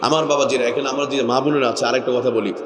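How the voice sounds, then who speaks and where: A man from Bangladesh preaching an Islamic sermon to a crowd. He asks rhetorical questions and swings from raised, lively passages to hushed ones. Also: mid-range voice, quick pace, echoey room, in a large hall, recorded from a distance.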